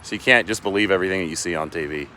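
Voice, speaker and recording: A man's voice: deep voice, racing, pushed and bright, slight background noise. A sports reporter chatting casually outdoors while walking with a handheld phone camera, rambling and often restarting his sentences. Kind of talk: casual live walking vlog. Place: outdoors on city streets and in a park.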